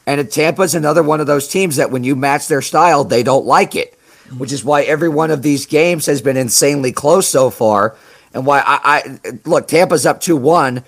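Brief: male sports-talk co-host, mid-pitched, breaks down hockey in long analytical runs. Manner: analytical, long run-on explanations, stretches words for emphasis.

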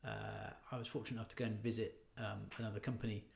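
A man's voice: on the low side, flat delivery, fast, vocal fry. A man in casual chat as a podcast co-host, telling anecdotes and agreeing often. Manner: anecdotal, agreeable, frequent "yeah" and "you know".

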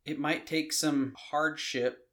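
A man's voice: fairly high pitch, steady tone, a bit bright. A middle-aged man co-hosting a casual marriage podcast, talking thoughtfully and often restarting his sentences. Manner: thoughtful, halting with frequent restarts. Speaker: podcast co-host.

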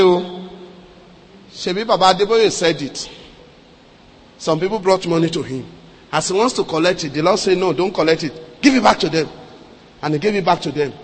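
A man with a Nigerian accent preaching a sermon as a pastor, telling a story and acting out dialogue, swinging between quiet and loud, with some Yoruba mixed in. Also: high-pitched, slightly rough. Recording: long echo in a large hall.

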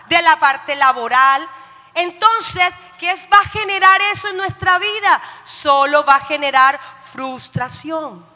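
A woman preacher delivers an emphatic sermon, often asking her listeners questions. Her voice is high and bright. A long hall reverb follows her in the church.

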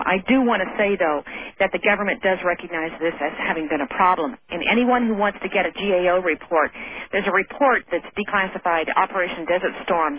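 A woman guest on a call-in radio show heard over the phone, speaking earnestly and firmly. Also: lowish voice. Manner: earnest, firm, emphatic. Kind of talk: call-in radio advocacy talk. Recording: tinny phone line with faint noise.

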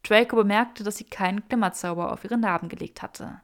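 A woman's voice: mid-range voice, brisk. Woman reading a story aloud. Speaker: narrator.

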